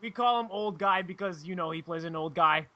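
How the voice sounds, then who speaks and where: A young man hosts a casual podcast in a high, very bright voice. He is loud and crude, with a giggle breaking into his introductions. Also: fairly quick, no room sound, highs cut off. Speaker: podcast host. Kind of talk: casual chat.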